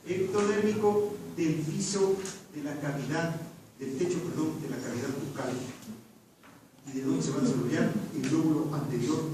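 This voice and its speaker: Echoey far-off lab instructor. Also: male voice, high-pitched. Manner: quizzes students, repeating the same question insistently. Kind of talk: classroom lecture with questioning. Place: large echoey lab classroom. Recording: echoey classroom from far off, background noise.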